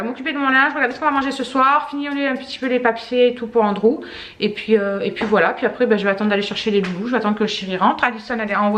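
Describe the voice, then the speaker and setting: A woman's voice: fairly high pitch, a bit bright. A woman in her thirties, a mother chatting casually through her day at home in a rambling way, full of fillers and "et cetera". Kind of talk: casual vlog chat. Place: family home, indoors. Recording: roomy echo in a home.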